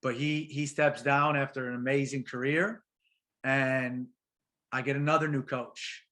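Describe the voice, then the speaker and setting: A professional soccer player, a man with a medium-pitched voice, guests on a casual interview and talks a little slowly. He's animated and slangy, calling the host "bro" and "man."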